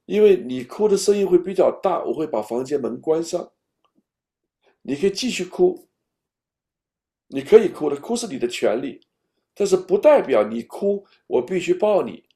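A man giving a patient, step-by-step talk on raising children, at times speaking straight to an imagined baby and dropping to a soft whisper. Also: a little high. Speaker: parenting speaker.

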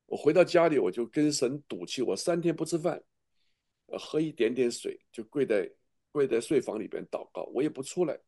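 A man's voice: medium pitch, animated, fairly quick, mellow. A middle-aged man, a pastor, preaching a sermon with earnest, emotional testimony and frequent restarts.

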